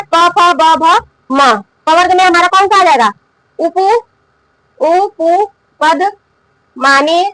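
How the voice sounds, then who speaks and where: A woman's voice: very high voice, bright, forceful tone, no echo, low-quality recording. A woman teaching a grammar lesson, asking questions aloud and answering them herself, repeating key terms. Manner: coughs now and then. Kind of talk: classroom lesson explaining and drilling.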